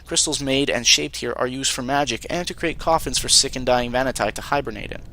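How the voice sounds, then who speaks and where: A man's voice: medium pitch, brisk, pushed and bright. A man playing a role-playing game, reading its text aloud and commenting wryly in a casual way. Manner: casual, wry. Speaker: let's play host.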